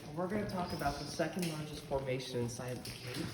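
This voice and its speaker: A male cave guide speaks from deep inside a very echoey cave with long reverb and clear noise behind him. He explains what is around him step by step, in an accommodating, informal tour-commentary style. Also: quick pace.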